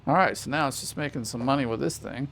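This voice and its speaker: A gaming channel host talks fast about his gameplay from his home desk, his medium-pitched voice a bit bright with vocal fry. He rambles casually, fixes his own slips, and tosses chatty asides to a small child sitting with him.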